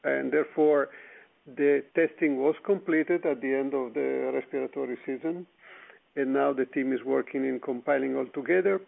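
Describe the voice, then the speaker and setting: A man, a company executive, answering analyst questions on a conference call in a measured, hesitant way. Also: medium pitch, steady tone, creaky. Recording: tinny phone line.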